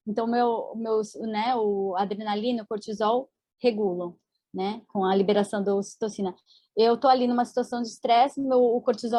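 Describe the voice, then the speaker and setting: A woman's voice: on the high side, darkish tone, no echo. Brazilian woman reflecting, dry sound. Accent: Brazilian Portuguese. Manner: reflective, with frequent "né?" tags. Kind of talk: online lecture discussion.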